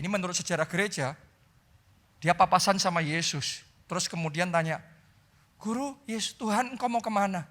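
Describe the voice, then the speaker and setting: A male pastor preaching a sermon with an Indonesian accent, dramatic, moving from loud climaxes to hushed, prayerful lines. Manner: dramatic preaching that swings from loud and high to soft and low.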